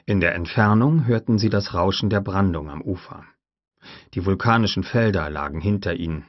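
A man narrating an audiobook in a measured, even storytelling manner. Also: low voice, dry recording, lo-fi sound. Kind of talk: scripted narration.

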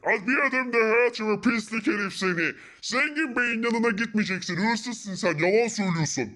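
A man's voice: high voice, moderate pace, sharp tone. A man voicing a pushy, boastful young street thug in a Minecraft parody, mocking and bossing others around. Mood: bossy. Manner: mocking and bossy.

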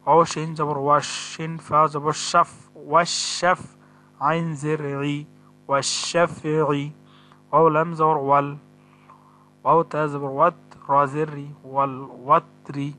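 A man teaching Quran reading step by step, spelling out each letter and vowel mark before slowly chanting the verse. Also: a little high, level tone, sharp tone. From Bangladesh. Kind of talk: step-by-step recitation lesson.

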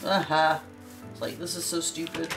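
A woman's voice: low voice, flat delivery, moderate pace, loud music behind the voice. A middle-aged woman playing a game with her daughter, blunt and swearing freely in folksy everyday grammar. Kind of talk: casual gaming chat.

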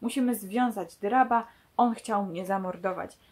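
A brisk detective hero who barks short orders, read aloud by a woman. The passage comes from a novel read aloud, at a medium pitch. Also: a little mellow, natural voice. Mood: commanding.

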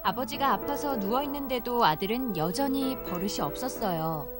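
A woman narrating a folk tale for children in a gentle storytelling manner. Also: on the high side, animated, moderate pace, loud music behind the voice.

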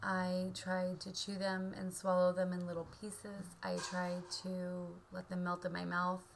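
A woman with a slightly low voice full of vocal fry records a casual video diary. She speaks in a subdued, halting way. Faint noise sits behind her on a home webcam recording. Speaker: vlogger. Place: indoor room at home. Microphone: webcam or laptop mic at arm's length.

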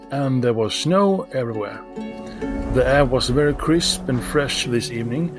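A man from Sweden with a Swedish accent, calmly telling his own story in a recorded voice message. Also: medium pitch. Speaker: listener sharing a story.

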